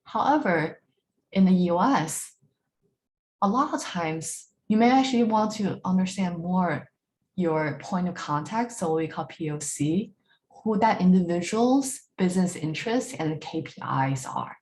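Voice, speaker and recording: A woman's voice: fairly low pitch, a little slow, darkish tone. A woman presenting at a business bootcamp, often checking in with "right?" and restarting her sentences. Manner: frequent fillers and restarts, repeats words while searching; ends points with a questioning "right?". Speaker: workshop speaker. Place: online talk.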